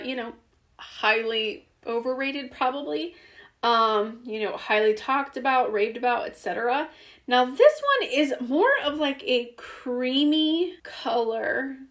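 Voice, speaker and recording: A woman's voice: a little high, a bit bright. A woman giving a casual, chatty lipstick review, with fillers and restarts, her voice a bit worn. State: losing her voice. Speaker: beauty vlogger.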